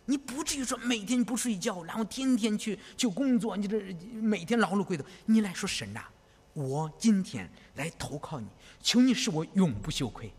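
Husky-voiced pastor preaching in an echoing hall. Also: male voice, sits high, moderate pace. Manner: animated, repeats phrases, asks "you know?". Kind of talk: sermon.

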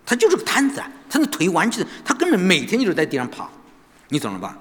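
A male pastor tells a story from the pulpit, his slightly high voice swinging up and down in lively arcs. He keeps checking in with rhetorical questions to his listeners. A long reverb hangs in the church space. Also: fast talker. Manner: animated, constant rhetorical tag questions. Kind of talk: sermon storytelling. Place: church sanctuary.

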